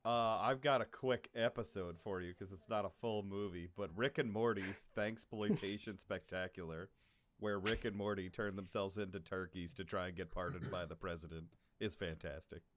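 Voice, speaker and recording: Man, low voice, laid-back, clear background noise. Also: steady tone, normal speed. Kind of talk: casual chat. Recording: noisy background.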